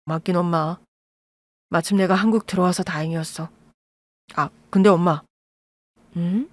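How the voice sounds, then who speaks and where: A woman voicing a calm, protective adult son who speaks low and steady, in an audio drama. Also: moderate pace, dry recording, natural voice. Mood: gentle. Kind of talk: Korean audio-drama acting.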